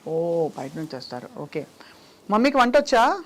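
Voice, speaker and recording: A woman's voice: fairly low pitch, big pitch swings, moderate pace, a little hiss or hum. A young woman hosting an interview, coaxing and teasing a small child with short questions in a Telugu accent. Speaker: interview host.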